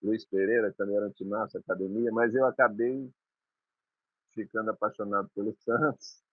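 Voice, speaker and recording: A man's voice: lowish voice, steady tone, brisk, dry recording. Man reminiscing, phone-like sound. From Maranhão, Brazil. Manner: rambling, reminiscing, with restarts. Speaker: guest musician. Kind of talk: conversational storytelling.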